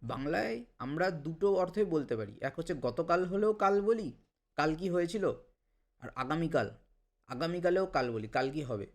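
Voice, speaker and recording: Guy teaching vocab, bit higher voice, says every word twice slow, tosses in english bits. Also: animated. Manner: repeats each word slowly, mixes in English phrases. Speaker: language teacher. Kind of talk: spoken language lesson.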